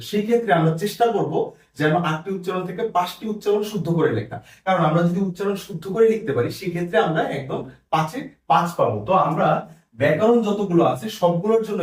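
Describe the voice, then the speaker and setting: A male tutor giving a brisk exam-prep lesson, tallying minutes aloud and repeating figures as he goes. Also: high voice, a little mellow, echoey room, distant mic.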